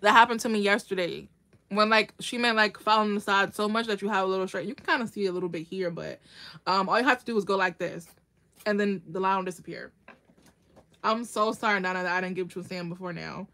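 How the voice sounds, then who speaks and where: A woman's voice: medium pitch, quick pace, sharp tone. A woman hosting a casual nail art tutorial livestream, chatting with viewers by name and laughing often as she works.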